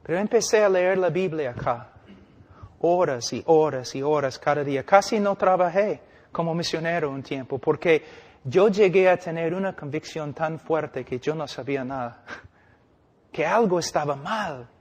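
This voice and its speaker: An older man with a fairly high voice for a man delivers an emphatic sermon as a preacher and missionary. He uses dramatic pauses and acts out the quotes he cites, and a long reverb makes it sound like a big hall.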